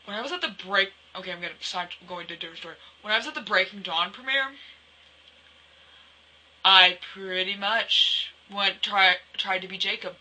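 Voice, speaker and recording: Teen girl vlogger, excitable rambling storyteller, very bright voice. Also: medium pitch, normal speed, low-quality recording. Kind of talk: casual vlog chat.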